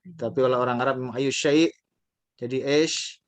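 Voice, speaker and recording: A man teaching a casual online language lesson, patiently repeating phrases slowly for learners to copy. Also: mid-range voice, steady tone.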